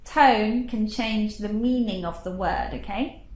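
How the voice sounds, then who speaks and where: A woman teaching English speaking, explaining tone slowly and deliberately. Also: medium pitch, darkish tone, echoey room. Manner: slow, deliberate teaching voice with exaggerated tone demos. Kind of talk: instructional explanation.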